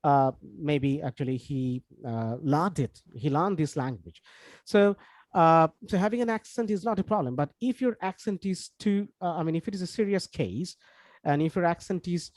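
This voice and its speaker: An English course instructor, a native Bengali speaker with a Bangladeshi accent, delivers an informal online lecture. His voice is a little high for a man, with a darkish tone. He explains haltingly and repetitively, with many small asides, and the recording is dry with no room echo.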